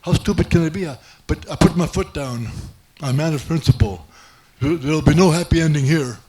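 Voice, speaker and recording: A man's voice: a little high, fairly quick, mellow. A man doing stand-up, telling a rambling self-mocking story with many restarts. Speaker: stand-up comedian. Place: comedy club stage.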